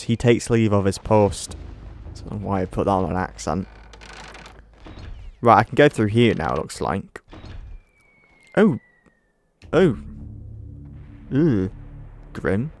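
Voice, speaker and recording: A man commentating casually on a horror game he plays, reading on-screen text aloud haltingly with frequent restarts and startled exclamations. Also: lowish voice. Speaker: let's play gamer.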